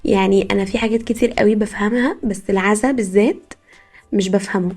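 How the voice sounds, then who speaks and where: Young egyptian woman riffing on her podcast, talks super fast, animated and laughing a lot, soft music in the back. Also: medium pitch, slightly rough. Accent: Egyptian Arabic. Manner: animated, rapid storytelling with frequent laughs. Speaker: podcast host. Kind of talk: casual comic monologue.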